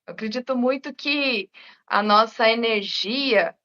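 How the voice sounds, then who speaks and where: A woman's voice: fairly high pitch, unhurried, sharp tone. A woman therapist in casual live chat, speaking reflectively and often ending with "né?". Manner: reflective, many "né?" tags. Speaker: integrative therapist. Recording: dull lo-fi live stream audio.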